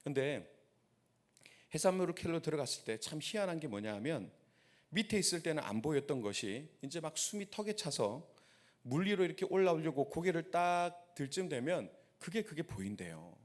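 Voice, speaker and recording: A man's voice: fairly high pitch, big pitch swings, normal speed. A man, a pastor, preaching a sermon and telling a story while asking the congregation rhetorical questions. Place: church sanctuary.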